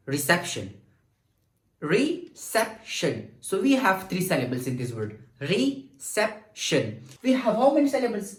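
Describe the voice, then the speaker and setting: Male teacher, animated pitch, drawn-out word drills, roomy echo. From Pakistan. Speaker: English teacher. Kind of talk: grammar lecture mixing Urdu and English. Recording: echoey room.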